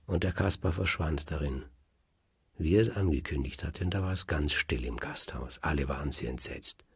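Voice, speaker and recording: A man telling old legends aloud in a lively, emphatic way, swinging between loud and hushed. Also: very deep voice, normal speed, gravelly, breathy edge, dry recording. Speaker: storyteller. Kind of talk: oral storytelling of legends. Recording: dry close recording.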